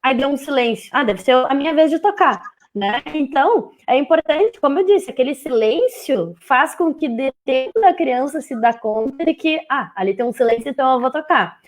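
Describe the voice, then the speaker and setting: Lively southern woman, higher voice. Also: moderate pace. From southern Brazil. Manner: lively, sings short playful phrases to show children's songs. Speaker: music teacher and speech therapist guest. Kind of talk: casual live chat.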